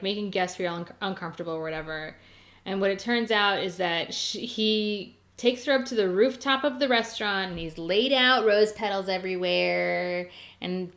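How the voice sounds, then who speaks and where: A woman's voice: medium pitch, a bit bright. A woman hosting a podcast, chatting casually as she recaps episodes, with lots of "like" and "or whatever". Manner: chatty and conversational, full of 'like' and 'or whatever'. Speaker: podcast host. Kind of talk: casual chat recapping a teen drama.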